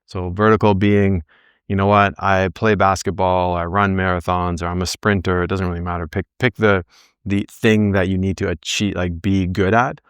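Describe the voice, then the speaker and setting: This back pain coach, early forties, speaks in a low, flat voice at a moderate pace, its tone fairly bright and smooth. He keeps his motivational group talk informal and conversational, acting out his thoughts as quotes and asking "right?" a lot. There's no echo on the track.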